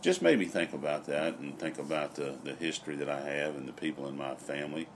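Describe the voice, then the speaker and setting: A middle-aged man chats casually and reflectively, rambling with frequent pauses, recorded outdoors on a patio. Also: rumbling low, animated. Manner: unhurried, rambling, pausing often. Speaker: vlogger. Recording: noisy outdoor ambient recording.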